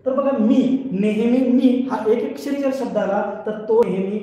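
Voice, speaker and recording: A man's voice: very high voice, moderate pace, warm tone. A male teacher giving an online grammar lesson. He explains patiently, asks questions and answers them himself, and repeats each rule several times. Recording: very echoey hall, voice far from the mic.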